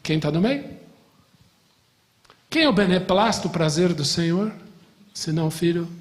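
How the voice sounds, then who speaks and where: A man from Brazil, a middle-aged pastor, teaching a lively Bible class, asking the class questions and joking. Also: high-pitched, moderate pace, big-room sound. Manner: animated, asks the class questions and jokes.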